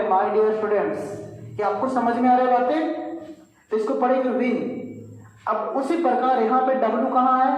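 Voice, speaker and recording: A male English teacher giving a classroom lecture, explaining step by step and putting questions to his students that he then answers himself. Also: very high-pitched. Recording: very echoey, reverberant room.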